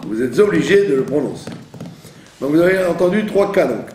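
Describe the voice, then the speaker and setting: Man teaching, lively voice, echoey room. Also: fairly high pitch, fairly quick, far from the mic, a little hiss or hum. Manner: explains patiently, repeats words, checks understanding. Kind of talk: teaching Hebrew prayer reading.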